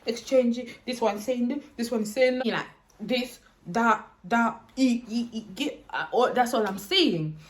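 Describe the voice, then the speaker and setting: A young woman telling a storytime vlog in an animated, chatty way with lots of slang. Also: a little high. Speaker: vlogger.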